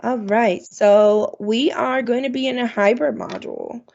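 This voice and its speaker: An international student advisor from Florida presents at an online orientation, chatting along with plenty of ums. Her voice is on the high side, creaky and a little mellow, with fairly even intonation and a measured pace. The video call audio is dull and lo-fi.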